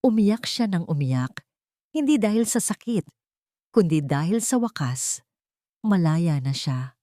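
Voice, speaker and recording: A woman's voice: lowish voice, big pitch swings, unhurried, warm tone, no echo, clean studio sound. A woman storyteller reading a scripted drama story with dramatic, emphatic delivery.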